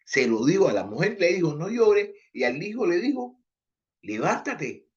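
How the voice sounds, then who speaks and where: Male preacher, animated Bible teaching, rhetorical questions, repeats lines; muffled lo-fi recording. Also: on the high side, quick pace. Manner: reads scripture aloud and explains it, asks rhetorical questions; repeats phrases, restarts words.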